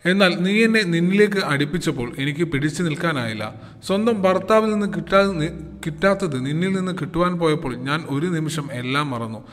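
A man's voice: fairly high pitch, expressive, fast talker, a bit bright, in a large hall. A man voicing a lonely young wife who pours out an earnest, pleading confession of her longing.

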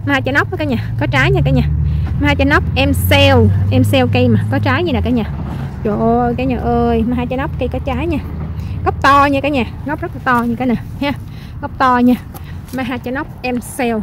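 A woman with a high, bright-pitched voice walks through her garden nursery, filming on a phone and talking nonstop to her viewers. She exclaims and gushes over every plant she sells, with faint outdoor noise behind her. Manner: excitable, exclaiming, addresses viewers constantly. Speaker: plant seller. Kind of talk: casual selling vlog.

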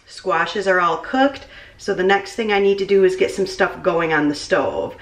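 Woman in her 30s, lowish voice, talking while she cooks, kinda far from the cam mic in a roomy little kitchen. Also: moderate pace, slight background noise. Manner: chatty, talks while cooking and moving around. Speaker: cooking vlogger. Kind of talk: casual cooking vlog. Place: small home kitchen. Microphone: camera mic, distance varies as she moves.

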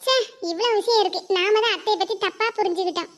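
Cartoon: a timid, weepy young bride, Kanyakumari Tamil accent, very high and bright. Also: quick pace. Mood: tearful. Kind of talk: cartoon voice acting.

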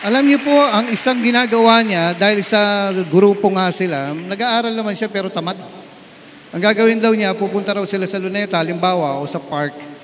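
A Filipino pastor tells a story from the pulpit, animated and lively, putting on voices as he goes. His voice sits high for a man. The sound rings with long reverb from a big hall, over a faint hum of room noise. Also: a little fast. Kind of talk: sermon storytelling. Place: large church hall at a camp service.

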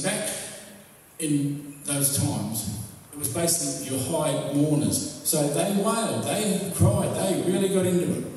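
A man's voice: fairly high pitch, warm tone, a little hiss or hum. A male pastor preaching a sermon, retelling a story vividly to his congregation. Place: church hall. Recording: echoey hall, distant mic.

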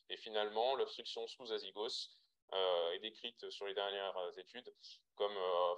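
Heard through a computer microphone with poor audio, a man with a French accent, a radiologist, lectures trainees over webinar slides. His voice is lowish and a bit bright, and he keeps hesitating, with fillers and restarts throughout.

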